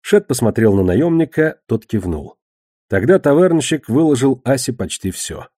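A man narrating an audiobook in a steady, even reading. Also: medium pitch, moderate pace, no echo, clean studio sound.

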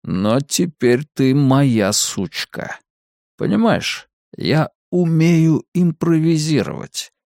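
A man voicing a calm, menacing masked torturer who taunts his captive in a slow, drawn-out way, in an audiobook. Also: fairly high pitch, vocal fry, no room sound, clean studio sound, voice pushed up, exaggerated voice. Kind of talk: audiobook character reading.

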